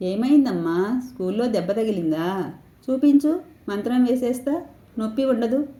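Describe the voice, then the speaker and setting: A loving grandmother, as a woman reads her in a storybook tale, coaxing gently with a warm, mellow tone. Her speech is tender and soothing. The room around her is echoey. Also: on the high side, lively intonation, normal speed, voice pushed up, close to an everyday voice.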